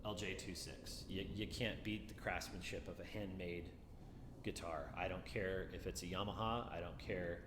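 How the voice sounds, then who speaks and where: A deep-voiced man reviews a guitar in a laid-back, reflective way at normal speed, frequently circling back over his own words. The room sounds spacious, with a long reverb tail and a faint ambient hum.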